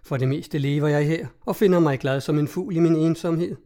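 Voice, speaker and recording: A man's voice: a little high, dark tone, lightly acted. A man reading the lines of a cheerful, witty young woman in a storybook, teasing and composed.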